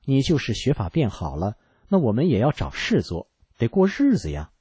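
A man's voice: medium pitch, wildly swooping pitch, moderate pace, dark tone, slightly rough, dry recording, heavily acted. A male narrator reading the lines of a doubtful, practical young wife in a blunt, matter-of-fact way, close to his own voice.

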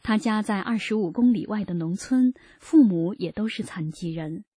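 A woman reading her own first-person story aloud in an earnest, measured way. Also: mid-range voice, mellow, slightly rough, dry recording, clean studio sound. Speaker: narrator of a personal testimony. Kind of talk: read first-person narration.

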